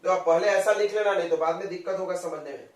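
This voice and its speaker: A man's voice: high-pitched, fast talker. A man teaching chemistry in a classroom lecture, quizzing his students and coaxing them to follow along. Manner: coaxing, drills students with questions. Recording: roomy echo, voice from a distance.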